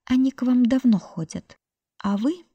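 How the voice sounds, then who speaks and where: Woman doing a fragile young woman, whispering, soft, high. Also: normal speed, husky, no room sound. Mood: quiet.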